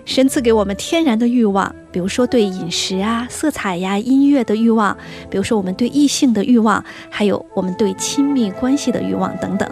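Creaky-voiced woman hosting a radio show. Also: on the high side, a little fast, hardly any pauses, darkish tone, soft background music. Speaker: host.

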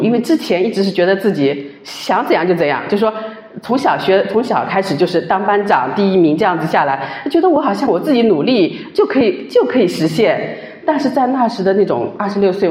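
A woman's voice: fairly low pitch, darkish tone, roomy sound. A woman giving a personal faith testimony at church, emotional and stretching out the particles at the ends of her sentences.

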